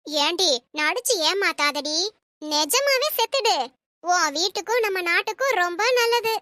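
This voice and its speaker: Leela akka, a shrill scolding old auntie. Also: female voice, lively intonation, unhurried, bright, forceful tone, dry recording, heavily acted. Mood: sarcastic. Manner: scolding, bickering, sarcastic. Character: bossy scolding old woman, quick-tempered auntie. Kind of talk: animated comedy voice acting.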